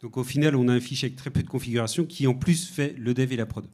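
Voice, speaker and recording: A man's voice: mid-range voice, fast, darkish tone. A man from France co-presenting a conference talk, setting up each demo step with short leading questions.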